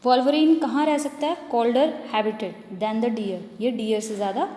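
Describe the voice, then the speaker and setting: A woman teaching English grammar, reading example sentences slowly and then explaining them with questions to the class. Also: fairly high pitch, steady tone, dark tone. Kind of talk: grammar lesson mixing Hindi and English. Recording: echoey room with long reverb.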